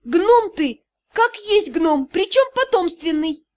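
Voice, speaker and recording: A woman's voice: extremely high pitch, lively intonation, takes it slowly, pitched above the performer's own voice, heavily acted. A woman reading a flustered young woman student detective who answers back defensively and with irritation.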